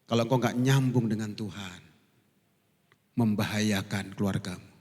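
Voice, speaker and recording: A man preaching as pastor, telling the story in a lively, joking way and acting out the voices in it. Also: on the low side, unhurried. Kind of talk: sermon. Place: large church hall. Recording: long church hall reverb.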